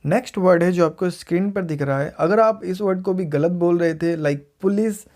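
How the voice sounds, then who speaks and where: In a casual pronunciation video, a man with an Indian English accent teaches by repeating every word slowly and clearly for learners. He has a high-sitting voice with a darkish tone.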